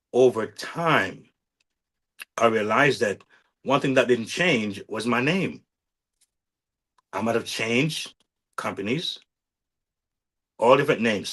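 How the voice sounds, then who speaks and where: In his forties, this podcast host has a fairly low, slightly rough voice with a fairly bright tone. He delivers a casual motivational monologue on his own show, coaching listeners earnestly, promoting himself, and repeatedly checking in with "all right?"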